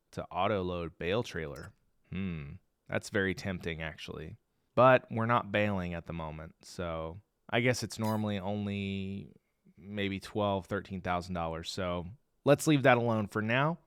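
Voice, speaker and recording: Low-voiced man narrating a farming game. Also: clean tone, no room sound. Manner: relaxed, chatty thinking aloud. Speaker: gaming channel host. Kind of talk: let's-play commentary. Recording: game sounds and vehicle noise behind.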